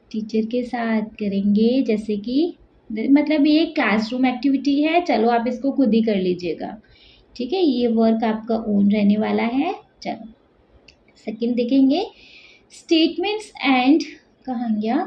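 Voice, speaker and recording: A woman with an Indian accent teaching a school lesson, reading English slowly and explaining quickly in Hindi. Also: sits high, echoey room, dull audio, slight background noise.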